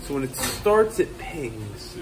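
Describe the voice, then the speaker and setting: A man in his thirties working as an HVAC technician vlogs off the cuff, partly muttering to himself, with a phone at arm's length, often in cramped boiler basements. His medium-pitched voice swings widely in pitch, and he talks at a slow pace against a noisy background.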